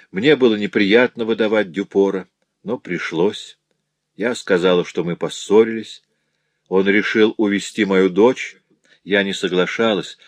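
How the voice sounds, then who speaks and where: A man's voice: lowish voice, no echo. A man voicing a poor, grieving woman who tells of her husband's cruelty in a sorrowful, pleading way.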